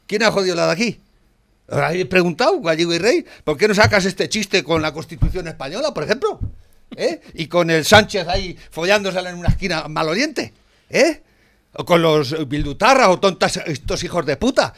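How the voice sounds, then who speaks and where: Ranting Spanish man, high bright voice. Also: expressive. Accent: Spain Spanish. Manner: ranting, swearing, filling pauses with a questioning "eh"; swings from muttered disgust to shouting. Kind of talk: heated political chat.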